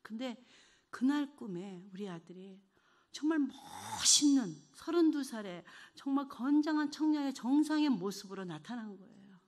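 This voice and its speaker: A woman's voice: on the high side, lively intonation, normal speed. Fervent middle-aged woman giving testimony. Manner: earnest, swings from hushed to fervent. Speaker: church deaconess giving testimony. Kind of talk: emotional church testimony.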